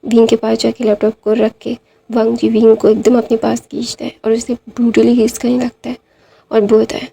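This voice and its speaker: A woman storyteller chatting her way through a fan-fiction retelling, with frequent fillers. Her voice sits a little high but stays flat in melody, with a gravelly, mellow tone. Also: normal speed. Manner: chatty, many fillers like "to wahan pe na".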